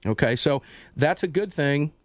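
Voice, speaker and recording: A man's voice: on the high side, a little slow, dry recording. Man hosting a talk show, dry studio. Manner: conversational, animated questioning with restarts. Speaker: host. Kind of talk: radio talk show interview.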